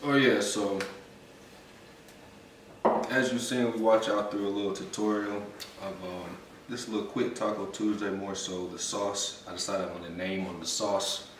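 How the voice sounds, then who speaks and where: A relaxed man in his thirties chats through a home cooking vlog, voice fairly low. He sounds a bit away from the mic in a very echoey kitchen. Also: measured pace, far from the mic, slight background noise. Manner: laid-back, explains step by step. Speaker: co-host cooking. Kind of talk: casual cooking vlog chat. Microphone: camera mic from a few feet away.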